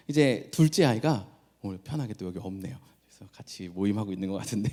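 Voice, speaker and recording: After leading a prayer, a middle-aged pastor moves into a sermon, his medium-pitched voice mellow. He tells stories about his family, laughing frequently and playfully imitating his children's voices.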